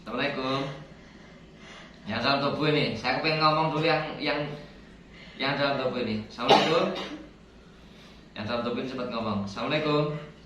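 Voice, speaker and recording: A man's voice: medium pitch, a little fast, pauses often, background noise. A man leading a spiritual healing session, chanting verses and speaking to an unseen spirit in a commanding, coaxing way. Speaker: ruqyah healer. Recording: very echoey room, distant mic.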